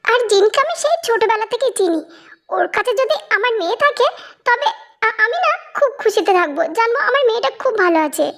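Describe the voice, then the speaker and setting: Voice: very high-pitched, lively intonation, fairly quick, fairly bright tone, full character voice. A performer doing a hesitant, anxious mother. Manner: hesitant, stammering. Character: anxious soft-spoken mother of a daughter. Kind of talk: fan audio drama.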